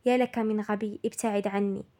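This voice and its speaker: Teasing proud girl in a story, read by a woman, scolding, flat-ish voice. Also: medium pitch, a little fast, lightly acted.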